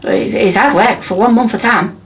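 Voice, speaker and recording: Speaking a little fast in a medium-pitched voice that's gravelly and a bit bright, a woman from England in her fifties recounts her story with blunt emphasis for a documentary. The recording uses a distant mic and has faint ambient sound.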